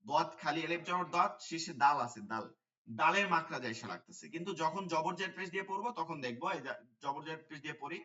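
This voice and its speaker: A man's voice: on the high side, fast, bright, forceful tone, roomy sound, far from the mic, dull audio. A man teaching Quran letter pronunciation in an online class, patiently repeating the sounds and checking with his students. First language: Bengali.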